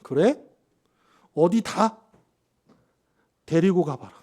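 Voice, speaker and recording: A man's voice: sits high, animated, slow, darkish tone, exaggerated voice. A man voicing a scornful, sarcastic ancient king within a sermon. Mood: sneering. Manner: sarcastic, mocking.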